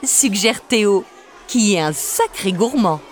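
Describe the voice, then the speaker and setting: A woman reading a children's story aloud in a slow, expressive, sing-song way. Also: medium pitch, some chatter behind, slight background noise.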